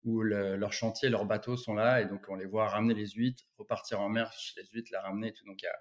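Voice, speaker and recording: A man's voice: fairly low pitch, flat delivery, quick pace. A man from Brittany, a photographer, talking as an interview guest in a rambling way with many restarts. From Brittany, France. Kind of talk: casual interview chat.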